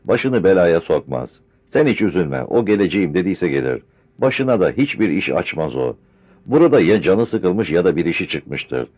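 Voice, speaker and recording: A man's voice: sits low, very animated, moderate pace. A man doing a steadfast, reassuring bearded teacher. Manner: firm, reassuring. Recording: dull lo-fi recording.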